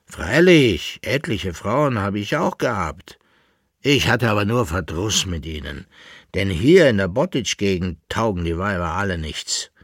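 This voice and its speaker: Quarrelsome old gardener, read by a man; husky, close and dry. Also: deep voice, sing-song, unhurried, fairly bright tone, dry recording, heavily acted. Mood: grumbling. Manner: grumbling, scolding.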